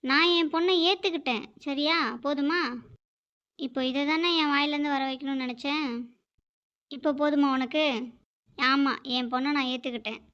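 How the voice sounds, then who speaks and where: A stern old grandmother in a cartoon, holding her ground with firm, scolding lines, as a woman voices her. Her voice sits high and rings bright. The audio sounds muffled and lo-fi. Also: fairly even intonation, normal speed, pauses often. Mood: indignant. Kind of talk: animated cartoon dialogue. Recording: dull lo-fi audio.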